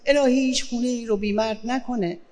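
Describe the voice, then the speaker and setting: A woman speaking as a guest on family life, giving advice in an animated way and acting out short quoted exchanges. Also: a little high. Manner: animated, acts out little quoted dialogues. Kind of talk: lively advice talk on a stage. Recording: long hall reverb.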